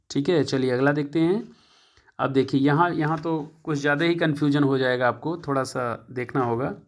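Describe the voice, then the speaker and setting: A man teaching an English lesson, explaining each point again and again, often pausing to check and correcting himself. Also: medium pitch, creaky. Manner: repetitive, checks with "ठीक है" often; self-correcting, thinking aloud. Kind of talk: classroom-style lesson.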